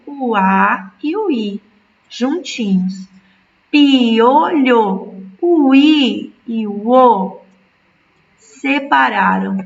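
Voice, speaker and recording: Woman teacher, slow and patient, raspy edge, dull distant recording. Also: fairly high pitch. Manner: slow, patient, drawing words out syllable by syllable. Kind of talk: recorded remote school lesson.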